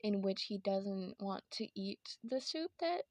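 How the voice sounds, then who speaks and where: A woman's voice: medium pitch, expressive, unhurried, no echo. A woman with a lisp and whistling s, narrating an informal, partly scripted video essay into a headphone mic. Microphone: headset microphone from headphones.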